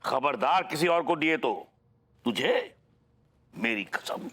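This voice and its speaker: A man's voice: on the high side, expressive, slow pace, fairly bright tone, husky, exaggerated voice. A boisterous doting old father. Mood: mocking. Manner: theatrical, swings from tearful to mocking. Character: boisterous doting older father teasing his son-in-law. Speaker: father-in-law character. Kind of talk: sitcom acting.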